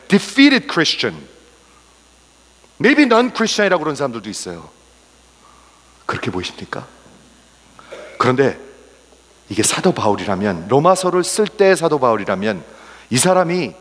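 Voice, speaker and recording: A male pastor preaching a sermon, swinging from raised exclamations to hushed, whispered asides and mixing English words into his Korean. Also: mid-range voice, big-room sound.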